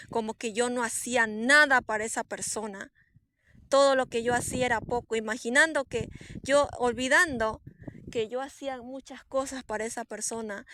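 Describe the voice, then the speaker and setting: A woman, a prophetess, giving an earnest, emotional personal testimony, swinging between soft and emphatic and repeating herself for emphasis. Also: a little high, a little hiss or hum. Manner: repetitive, with frequent restarts and fillers.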